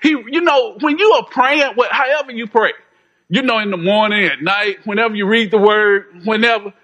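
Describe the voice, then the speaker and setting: A man preaching in a relaxed, down-home way. His voice sits high and sounds bright and forceful. He talks to the congregation like he's chatting with them, repeats phrases and chuckles between points. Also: moderate pace, rough recording. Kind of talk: informal sermon.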